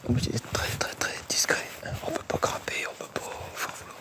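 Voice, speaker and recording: A man vlogging while exploring an old factory site, whispering tensely and swearing often. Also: a little fast. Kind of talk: whispered casual vlog narration.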